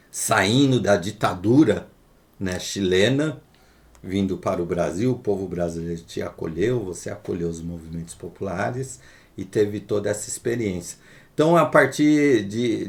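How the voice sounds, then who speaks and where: A man's voice: low voice, gravelly. A man hosting an interview, asking long, winding questions in a conversational way.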